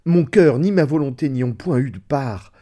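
A man's voice: lowish voice, fairly even intonation, moderate pace, warm tone, slightly rough. A man voicing a desperate, guilt-ridden husband who pleads in a raised, strained voice in a storybook reading. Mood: desperate pleading.

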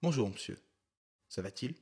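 A man's voice: fairly low pitch, lively intonation, normal speed, vocal fry, warm tone, slightly rough, heavily acted. A man doing a rustic country policeman. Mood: matter-of-fact. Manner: rustic, matter-of-fact. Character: plain-spoken male rural policeman.

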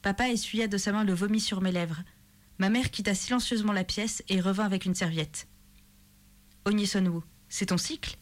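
Woman reading a novel aloud. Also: medium pitch. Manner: steady, measured narration. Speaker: reader. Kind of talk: literary reading in first person.

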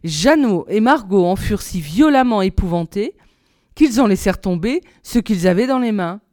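A woman reading a fairy tale aloud in a measured, expressive storybook style. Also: mid-range voice, no echo, clean studio sound. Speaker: reader.

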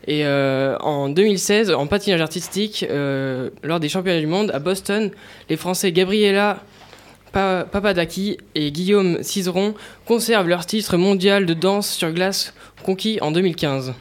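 High-voiced guy reading almanac facts, steady, stumbles on names. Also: normal speed. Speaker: segment presenter.

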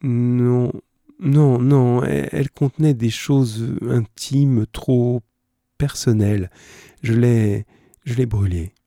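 A man's voice: lowish voice, a little slow, creaky, dark tone, breathy edge, no echo, studio quality, exaggerated voice. A man voicing an anxious young woman who stammers and begs, read aloud from a classic story. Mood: pleading. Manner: hesitant, stammering, begging.

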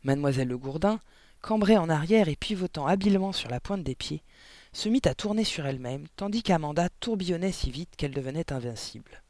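A man reading a children's novel aloud with lively, dramatic storytelling. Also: a little high, fairly quick, no room sound. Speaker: audiobook narrator. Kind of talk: expressive audiobook narration.

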